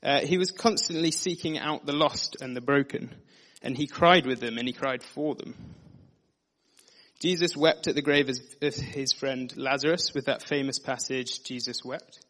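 A man giving a sermon, reading scripture passages and explaining them in an earnest, steady teaching manner. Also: medium pitch, moderate pace. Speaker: preacher. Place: dim room.

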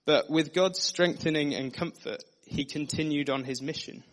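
Earnest man preaching a steady sermon. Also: a little high, normal speed. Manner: earnest, steady teaching delivery with scripture readings. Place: dim room.

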